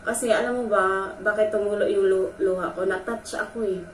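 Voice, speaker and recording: A woman's voice: mid-range voice, steady tone, a little fast. Earnest woman telling a story, echoey and distant. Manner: earnest, emotional, talks straight to viewers. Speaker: vlogger. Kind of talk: casual personal storytelling. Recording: echoey room from a distance with faint noise.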